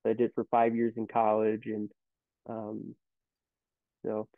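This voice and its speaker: A man in his thirties, a company CEO, speaks in a fairly low, creaky monotone without hurrying. In a casual interview he rambles through stories and keeps restarting. The sound is dry and tinny, like a phone, with no echo.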